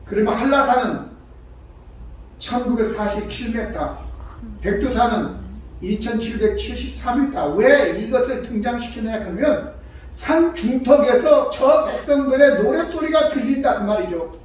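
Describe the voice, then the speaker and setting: A male pastor delivers a sermon in a strikingly high voice, heard from well back in a very echoey church hall. He shifts between quiet explanation and loud, acted-out lines. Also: animated, measured pace, recorded from a distance. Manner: acts out quoted voices with sudden shouts. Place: church sanctuary.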